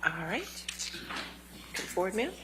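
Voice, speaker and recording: A woman judge giving brisk, matter-of-fact rulings in a courtroom recording, picked up from a distant mic. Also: medium pitch, sing-song, background noise.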